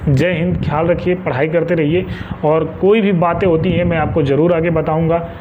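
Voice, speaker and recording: Offering casual tips to viewers as an exam guidance presenter, a northern Indian man keeps hammering home his main points through repetition. He speaks at a normal speed in a higher-leaning voice with fairly even intonation, over muffled lo-fi audio with a little background noise.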